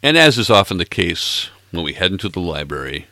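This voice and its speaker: This sixty-something music podcast host talks loosely between songs, a little fast and with big swings in pitch, often poking fun at himself. His tone is bright and forceful over a very deep, gravelly, slightly hoarse and froggy voice. It's captured dry and up close, with no room sound at all.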